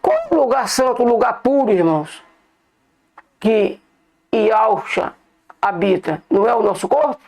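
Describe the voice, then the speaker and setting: Brazilian online preacher, gravelly, repetitive and direct with the flock. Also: mid-range voice, animated, unhurried, long pauses, a little mellow. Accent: Brazilian Portuguese. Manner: repetitive, keeps calling listeners "brothers", points things out. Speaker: online bible teacher. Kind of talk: informal bible study sermon.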